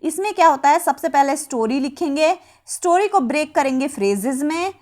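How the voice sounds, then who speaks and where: A woman teaching an exam-prep lesson, asking herself rhetorical questions and then answering them, repeating key terms slowly. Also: sits high, animated, a little mellow.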